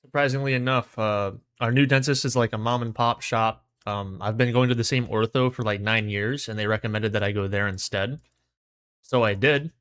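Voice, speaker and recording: A man's voice: lowish voice, fairly even intonation, moderate pace, a bit bright, clean tone, no echo, clean studio sound. Casual male streamer, mouth numb from dentist. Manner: laid-back, slangy. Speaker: livestream host. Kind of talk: casual gaming livestream chat.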